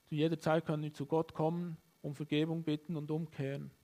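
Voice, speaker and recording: A man preaching a sermon in a calm, plain way, retelling a story with small pauses and fillers. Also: on the high side. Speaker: pastor.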